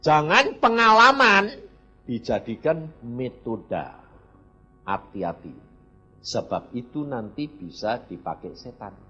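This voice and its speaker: A man's voice: mid-range voice, sing-song, slow pace, pauses often, pushed and bright, breathy edge. An older Indonesian man preaching a blunt, plainspoken sermon and acting out his quoted exchanges. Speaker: evangelist preacher. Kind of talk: sermon with personal testimony. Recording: dull lo-fi sermon recording with faint music.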